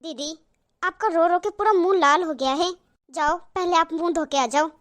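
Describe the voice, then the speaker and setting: A young cartoon daughter-in-law with a very high, light voice. She speaks earnestly and kindly, pleading and reassuring. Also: moderate pace, a bit bright. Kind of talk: cartoon voice acting.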